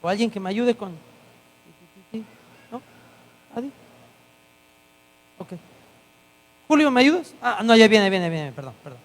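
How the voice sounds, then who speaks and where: A man's voice: sits high, slow pace, pauses often. A male guest pastor preaching a sermon, telling stories with acted-out dialogue. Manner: animated storytelling, acting out dialogue. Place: church hall. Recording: church hall with long reverb and mains hum.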